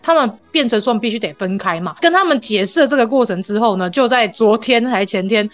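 A woman, hosting a casual podcast chat and telling family stories with animated voices. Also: a little high, a little fast, no echo. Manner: animated storytelling, acts out her child's questions. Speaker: podcast host.

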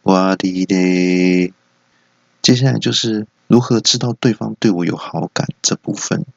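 Low gravelly man telling comic stories. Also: brisk, no room sound, lo-fi sound. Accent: Taiwanese Mandarin. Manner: storytelling, voices characters with high squeaky outbursts. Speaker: stand-up comedy podcaster. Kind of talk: solo comedy monologue with acted quotes.

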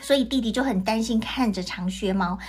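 A woman telling a fairy tale to children in an animated, sing-song way, speaking to them directly. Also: a little high, a little fast, a little hiss or hum. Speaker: children's storyteller. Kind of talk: storytelling for children.

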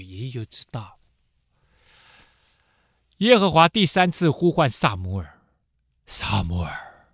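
A male pastor retelling a Bible story in a sermon, explaining as he goes and filling pauses with small particles. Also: mid-range voice, no echo, studio quality. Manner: explanatory, with frequent filler particles.

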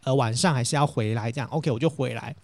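A young man with a Taiwanese Mandarin accent telling a story in casual chat, animated and self-dramatizing, laughing as he goes. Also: mid-range voice, fast talker, dry recording.

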